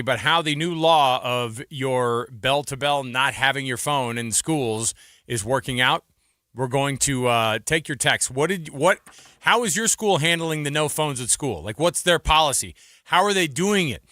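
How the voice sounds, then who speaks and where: Bright-voiced male radio host. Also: medium pitch, moderate pace, dry recording, clean studio sound. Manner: animated, slips into put-on voices for anecdotes. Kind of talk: casual radio chat. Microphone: studio mic.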